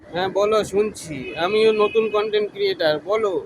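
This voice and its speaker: A man's voice: sits high, fairly even intonation, fairly quick, no echo. A man, bantering and mocking a clip in an exasperated comic reaction. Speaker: content creator reacting to a clip.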